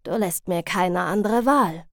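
A woman's voice: lowish voice, measured pace, fairly bright tone, no echo. Sarcastic male teacher voiced by a woman narrator, firm and dry, storybook reading, close dry sound. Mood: stern. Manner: dry, firm, lightly mocking. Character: stern, dryly sarcastic male chemistry teacher.

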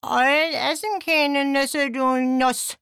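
A woman voicing a plump, blunt but kind male mole in a children's storybook, speaking loudly in a raised voice. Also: steady tone, takes it slowly, dry recording, studio quality, heavily acted. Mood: teasing. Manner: loud and high, teasing.

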